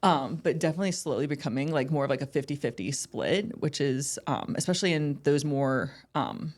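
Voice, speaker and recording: A woman's voice: low-pitched, lively intonation, a little fast, a little mellow. A young woman speaking as a podcast guest, chatty and upbeat, with many "like" and "um" fillers. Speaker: guest, ballpark entertainment manager. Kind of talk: casual interview chat.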